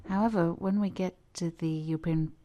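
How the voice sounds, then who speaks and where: A woman doing simultaneous interpretation at a conference, with measured, uneven phrasing. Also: lowish voice, steady tone, dark tone, lo-fi sound.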